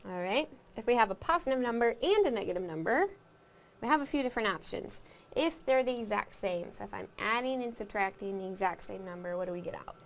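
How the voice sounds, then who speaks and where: A woman's voice: medium pitch, lively intonation, fairly quick. Woman teaching a math lesson. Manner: explains step by step, counting aloud and asking questions.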